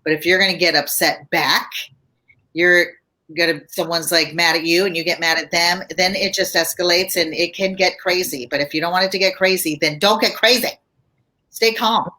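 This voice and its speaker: A woman therapist, a guest on a chat show, explaining things calmly in a teaching tone. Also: lowish voice, normal speed. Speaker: marriage and family therapist guest. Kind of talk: casual advice chat.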